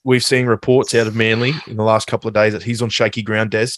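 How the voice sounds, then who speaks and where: Low-voiced man hosting casually. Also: flat delivery, fairly bright tone. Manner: easygoing, asks questions, quick asides. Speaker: podcast host.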